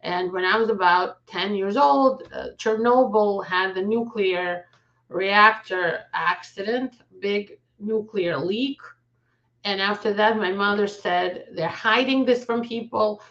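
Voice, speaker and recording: A Ukrainian immigration lawyer in her forties tells her own family story to the camera, speaking earnestly and conversationally and correcting herself along the way. Her voice is medium-pitched, slow and a bit bright, with lo-fi sound.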